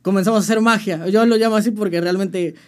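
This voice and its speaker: Fast-talking with fairly even intonation, this young musician has a high voice and a Mexican Spanish accent. He tells his story in a relaxed interview, slipping into slang and restarting often.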